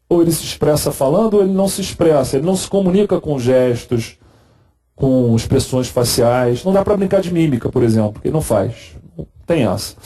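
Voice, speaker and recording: Guy teaching med school stuff, chatty, warm mellow voice. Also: a little high. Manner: explanatory, conversational, with examples. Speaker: medical lecturer. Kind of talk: recorded medical lecture.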